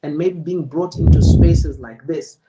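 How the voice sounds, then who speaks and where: A man giving a presenter spoken feedback as a public speaking coach, in a measured, emphatic, deliberate way. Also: on the high side, heavy background noise.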